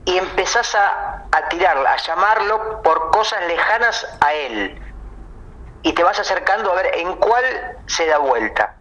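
An Argentine man with a Rioplatense accent, co-hosting a podcast with playful, drawn-out comic riffs. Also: sits high, animated, sharp tone, poor audio. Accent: Rioplatense Spanish. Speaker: podcast co-host. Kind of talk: comedic podcast banter.

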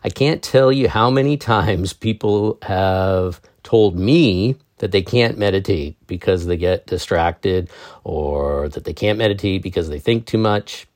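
Calm, low-voiced man reading on meditation. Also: measured pace, no echo, studio quality. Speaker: meditation podcast host. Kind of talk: reading an article aloud, then commenting.

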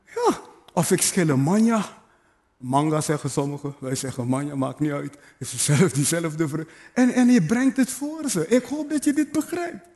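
A man with a high voice preaches a sermon to a congregation. He drives his points home through repetition and calls out to the listeners, mixing in playful asides. His pitch sits well above most men's. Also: big pitch swings, normal speed, darkish tone. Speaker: pastor.

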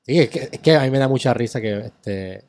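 A man's voice: medium pitch, expressive, fairly quick, a little mellow, no room sound. A man hosting a casual interview podcast, chiming in often and keeping the talk conversational. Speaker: podcast host.

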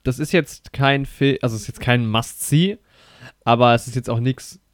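A relaxed man rambles through a podcast film review, full of fillers, self-corrections and excited slang. His voice sits at an ordinary middle pitch. The recording is dry and close, with no room sound. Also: normal speed, no echo. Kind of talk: casual film review chat.

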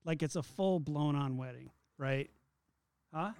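Man, middle-aged, casual chat co-host, playful storyteller, smooth resonant voice, dry close sound. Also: on the high side, measured pace, no room sound. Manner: animated storyteller, playful and self-mocking. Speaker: podcast co-host.

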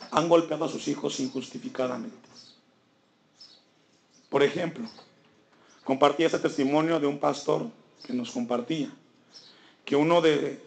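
Preaching man, higher voice, rousing. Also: vocal fry. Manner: rhetorical questions to the congregation, rising emphasis. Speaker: pastor. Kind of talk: sermon.

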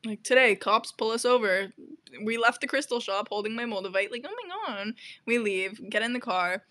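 A woman's voice: fairly high pitch, steady tone, a little fast, pushed and bright. A young woman co-hosting a podcast in easy, casual chat. She rambles from one thing to the next and fills her talk with "like.". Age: young adult. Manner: chatty, rambling, lots of "like". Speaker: podcast co-host.

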